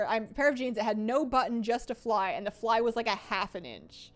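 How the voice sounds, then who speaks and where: A woman in her late twenties talks through her live game stream in a loose, self-deprecating way, reading out chat messages as they arrive. Her voice sits a little high and swoops up and down a lot as she rambles. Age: 20s. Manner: chatty, self-deprecating, reads chat aloud.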